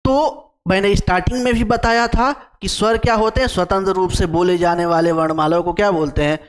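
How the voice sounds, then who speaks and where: Male teacher, high voice; drills exam terms, quizzes the class, stretches vowels to demonstrate. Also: steady tone, a little fast, in a large hall. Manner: repeats key terms and quizzes the class with questions; draws out vowel sounds to demonstrate length. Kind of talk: exam-prep lecture.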